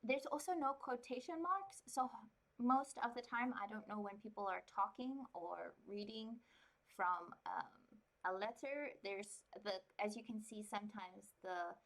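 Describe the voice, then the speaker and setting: A woman's voice: medium pitch, unhurried, fairly bright tone, low-quality recording. A woman streaming an unrehearsed book reading with casual commentary to viewers, stumbling and correcting herself as she goes. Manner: stumbling cold reading, slips and self-corrects.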